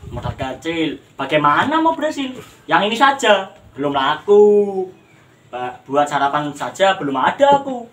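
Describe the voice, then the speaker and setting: A man plays a weary street vendor grumbling about being broke in a stage drama. His plaintive voice is fairly high and very lively in pitch, caught at some distance from the mic. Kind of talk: stage theatre acting. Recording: distant microphone, faint noise.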